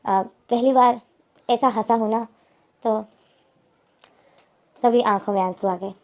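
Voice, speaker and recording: A woman voicing a reserved man who rarely laughs, speaking in a hushed, low way. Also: fairly even intonation, slow pace. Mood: quiet.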